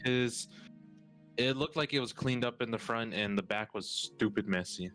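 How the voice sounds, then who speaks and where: A man's voice: mid-range voice, moderate pace, a bit bright, soft background music. Playful male tabletop player. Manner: playful, jokey, laughs often. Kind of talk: casual tabletop role-play.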